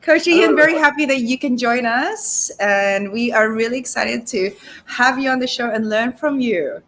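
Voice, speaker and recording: A woman's voice: a little high, moderate pace, a bit bright. A woman co-hosting a talk show, introducing the guest and asking questions in an enthusiastic, upbeat way. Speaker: co-host.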